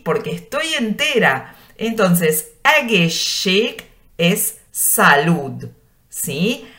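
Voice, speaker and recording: A woman giving a radio language lesson, patiently explaining and slowly drawing out each word she teaches. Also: medium pitch, a bit bright. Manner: slow, drawn-out pronunciation of words; patient explaining with rhetorical questions.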